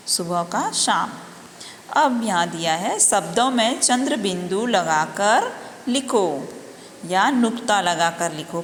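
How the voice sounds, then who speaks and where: Slow, patient woman teaching a class. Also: lowish voice. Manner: slow, patient, spelling words out and repeating them. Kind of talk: Hindi grammar lesson for young children. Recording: echoey room, faint background noise.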